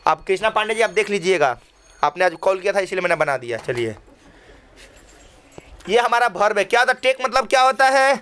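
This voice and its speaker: A man's voice: sits high, lively intonation, brisk, long pauses, sharp tone, clear, resonant tone. A man with a Bhojpuri-tinged Hindi accent teaching an English lesson to children in a classroom, asking questions and repeating phrases for the class.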